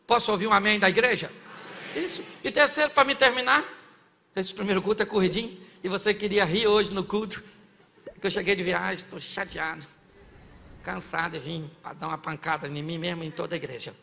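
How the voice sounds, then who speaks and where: A man's voice: high voice, steady tone, a little fast, vocal fry, sharp tone, slight background noise. A man preaching a sermon as pastor, joking with the church and rising to fiery exhortation. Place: church sanctuary. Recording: long church reverb.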